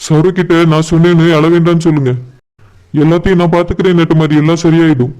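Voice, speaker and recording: A man voicing a young village man in a cartoon, calm and reassuring on the phone. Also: on the high side, fast, close to an everyday voice, rough recording.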